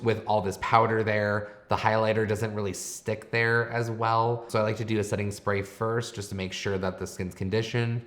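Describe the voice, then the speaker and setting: Low-voiced man giving makeup commentary. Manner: explanatory, advising. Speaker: makeup artist host.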